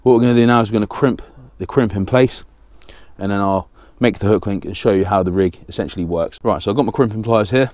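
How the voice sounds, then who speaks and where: Deep-voiced man explaining a fishing rig. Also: fast, darkish tone, no echo. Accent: southern English. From England. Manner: plain, practical, talks while working with his hands. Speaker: fishing channel host. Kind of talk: step-by-step tutorial. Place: small indoor studio with banner backdrop.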